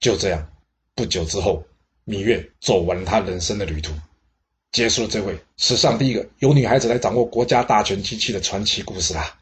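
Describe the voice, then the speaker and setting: A man's voice: lowish voice, brisk, slight background noise. A man telling history stories in a chatty way, with asides to the listener. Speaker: storyteller. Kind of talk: history storytelling podcast.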